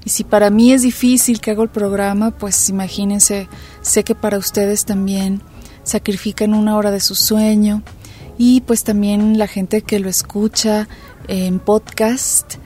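A woman's voice: mid-range voice, little pitch movement, measured pace, warm tone. A woman radio host speaking to her listeners on a late-night programme. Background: music.

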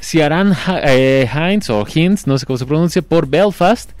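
Lively man hosting a film chat. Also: fairly high pitch, unhurried, no room sound, faint music behind. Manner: casual, slangy, lively. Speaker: podcast host. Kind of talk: casual chat reading award nominees.

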